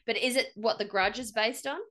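A woman co-hosting a casual podcast, chiming in with quick quips. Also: fairly high pitch, steady tone, a bit bright. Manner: chimes in with quick quips and laughs. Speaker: podcast co-host. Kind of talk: casual chat.

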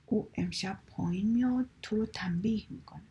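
A woman voicing a sly male mountain goat who poses as a royal envoy, speaking slowly in a hushed, commanding way. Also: mid-range voice, lo-fi sound, slight background noise, lightly acted. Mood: stern, threatening.

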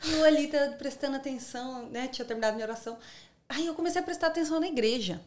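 Lively Brazilian woman telling a story. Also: sits high, racing. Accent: Brazilian Portuguese. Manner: lively, slangy, acts out quoted lines. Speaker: podcast guest. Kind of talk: casual interview storytelling.

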